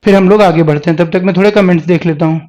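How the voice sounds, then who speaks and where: A man teaching a Hindi grammar class. He asks questions and answers them himself, and repeats words slowly to show how they are pronounced. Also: high-pitched, darkish tone. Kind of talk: classroom lecture.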